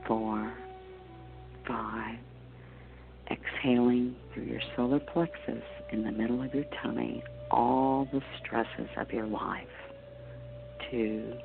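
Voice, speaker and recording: Slow, creaky man guiding deep breathing. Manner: soothing, hushed, measured delivery with trailing soft phrase endings; slow, counted deep-breathing instructions with long pauses. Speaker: spiritual teacher leading a group meditation. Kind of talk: guided meditation. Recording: dull lo-fi audio with soft music. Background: soft meditation music.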